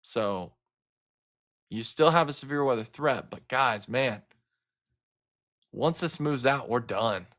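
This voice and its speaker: A man's voice: mid-range voice, slow pace, long pauses, a bit bright. Chatty man from Arkansas hosting weather stream. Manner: casual, chatty, talks to viewers as guys, frequent fillers. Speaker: livestream weather host. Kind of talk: live weather coverage.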